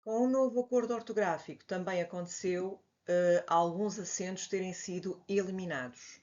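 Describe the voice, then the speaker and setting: A woman's voice: lowish voice, fairly even intonation, a little mellow. Woman, European Portuguese accent, grammar teacher, patient explaining, dull lo-fi sound. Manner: patient explaining, spells out examples slowly. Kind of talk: slide-based grammar lesson. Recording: dull lo-fi audio.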